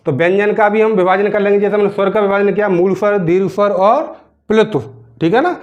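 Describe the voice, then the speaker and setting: High-voiced male teacher, dull recording. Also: brisk. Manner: asks rhetorical questions and answers them himself; keeps checking in with "theek hai na". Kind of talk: classroom grammar lesson.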